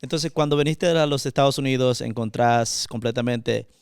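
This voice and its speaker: A man's voice: medium pitch, moderate pace, clear, resonant tone, no echo, studio quality. A man from El Salvador hosting an interview, encouraging the guest with frequent affirmations and sharing his own story. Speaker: interview host. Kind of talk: conversational interview.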